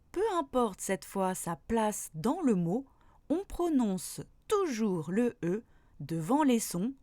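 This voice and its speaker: A woman teaching a pronunciation lesson, saying each example word slowly and deliberately. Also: mid-range voice, darkish tone, dry recording. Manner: slow, deliberate, spells out example words. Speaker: French teacher.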